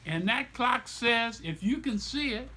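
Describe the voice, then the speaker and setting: Reading his own children's book to listeners, a middle-aged man uses a very high, expressive, sharp-toned voice. He narrates like a storyteller, stressing words deliberately and stopping to explain things along the way.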